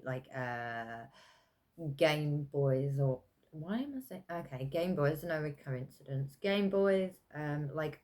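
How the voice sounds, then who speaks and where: A woman with a low voice gives a casual pick-a-pile tarot reading. She talks slowly and meanders, full of ums and self-corrections. Her delivery is chatty, with soft laughs. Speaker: tarot reader.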